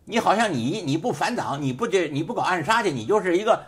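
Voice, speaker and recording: Heated high-voiced male host. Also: expressive, fast talker. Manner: emphatic and repetitive, heated rhetorical questions. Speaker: show host and sociology teacher. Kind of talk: casual political commentary monologue. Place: studio.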